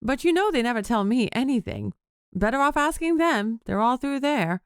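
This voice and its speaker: A chatty, brisk female receptionist who brushes off questions, as a woman narrator puts her on. Her voice lifts well above the reader's own and comes out a little louder, dry and close. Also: high voice, expressive, clear, resonant tone, no room sound, pitched above the performer's own voice. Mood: breezy.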